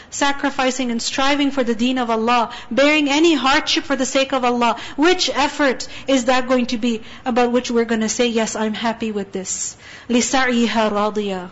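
A woman giving an earnest sermon, asking rhetorical questions and reciting verses before explaining them. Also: sits high. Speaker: Islamic teacher. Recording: dull lo-fi recording.

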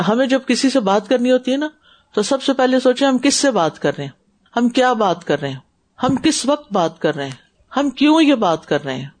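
A woman's voice: a little high, big pitch swings, darkish tone. A woman religious teacher giving a class and answering questions in an earnest, advising way, mixing in English words.

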